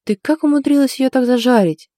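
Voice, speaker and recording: A woman voicing a young woman who teases her friend gently but kindly, in an audiobook. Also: high voice, fairly quick, dry recording, clean studio sound, pitched above the performer's own voice, natural voice. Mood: amused. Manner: teasing, gentle, soft-spoken. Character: teasing young woman, sympathetic friend in love. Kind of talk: audiobook character voice.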